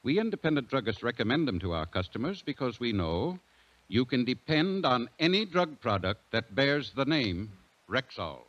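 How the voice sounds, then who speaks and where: A man speaks for the sponsor in an old-time radio commercial, earnest and measured, his pitch moving up and down in a lively way. The sound is dull and lo-fi, like an old radio broadcast. He delivers the pitch in a scripted 1940s radio style. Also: no echo.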